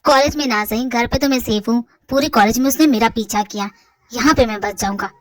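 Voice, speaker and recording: A woman's voice: fairly high pitch, fairly quick, pitched below the performer's own voice, natural voice. A woman voicing an exasperated young man who protests and defends himself in a fan dub. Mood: worried. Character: flustered, defensive young man being chased. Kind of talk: Hindi fan dub, one reader voicing all.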